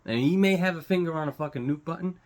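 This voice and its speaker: Casual swearing and searching for words mark this man's halting, rambling news commentary, delivered unscripted on his own online show in a fairly high-pitched voice.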